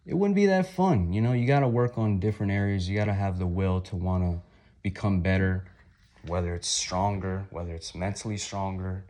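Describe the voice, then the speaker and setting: A man in his twenties, somewhat hoarse, talking through a rambling, upbeat, reflective vlog. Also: low-pitched, fairly even intonation, brisk. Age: 20s. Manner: rambling, upbeat, gently motivational. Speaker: vlogger.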